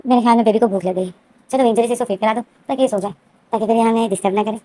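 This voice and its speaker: A woman's voice: on the high side, steady tone, very fast, mellow, no room sound, close to an everyday voice. A woman voicing a teasing, persistent young man who is playful and smug. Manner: teasing and insistent.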